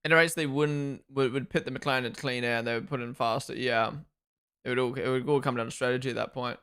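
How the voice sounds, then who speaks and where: A man's voice: mid-range voice, fairly even intonation, fast talker, a bit bright, smooth. A young man from Australia and New Zealand hosting a live race watchalong, giving chatty, opinionated commentary and talking to his chat.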